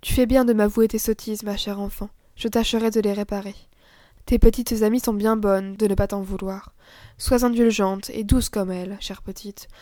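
A woman's voice: mid-range voice, fairly even intonation, moderate pace, no echo, close to an everyday voice. A woman voicing a gracious, tender aristocratic mother who speaks with dignity. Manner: gentle, dignified.

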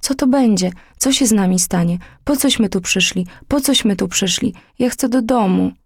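A woman's voice: medium pitch, normal speed, slightly rough, dry recording, studio quality. A woman voicing a frightened little girl who pleads tearfully in a storybook reading. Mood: sobbing.

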